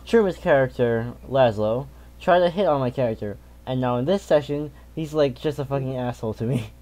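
A man playing a tabletop game, speaking politely and earnestly in character and trailing off softly. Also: medium pitch, brisk. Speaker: player. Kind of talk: casual role-play chat.

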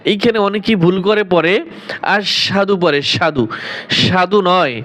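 A man teaching Quran pronunciation step by step, chanting each phrase slowly and stretched out between quick explanations. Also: sits high, fairly bright tone.

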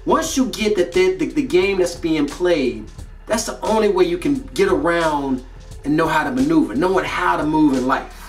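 In a lively, moderately paced voice on the high side, a North Carolina man in his thirties with an American accent delivers a casual motivational talk to camera, emphatic and full of slang. He hosts a motivational video series, filmed in an indoor studio with a plain grey backdrop, and the sound is echoey, distant-miked, with music underneath.

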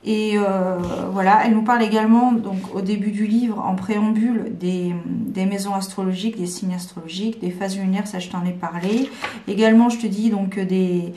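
A woman's voice: medium pitch, steady tone, normal speed, mellow, reverberant, a little hiss or hum. A woman from France chatting casually to camera at home, hesitant, with many fillers and restarts. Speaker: vlogger presenting planners. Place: home room.

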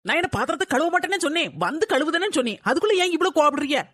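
A woman's voice: high voice, expressive, racing, a bit bright, no room sound. Woman voicing an indignant young daughter-in-law. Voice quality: indignant, arguing back. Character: young married daughter-in-law, defensive and quick-tempered. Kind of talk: cartoon voice acting.

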